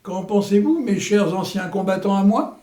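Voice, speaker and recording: A man's voice: high-pitched, lively intonation, moderate pace, warm tone. A man playing a boastful old war veteran in a theatrical comedy, with a hammy stage actor's florid delivery. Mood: jovial, boastful. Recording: echoey room.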